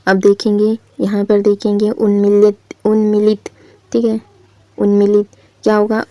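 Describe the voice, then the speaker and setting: A woman teaching a spelling lesson in a patient, repetitive question-and-answer style, her voice mellow and steady with little rise and fall. The sound is close and dry, with no room around it. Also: medium pitch, dry recording. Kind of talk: exam-prep spelling lesson.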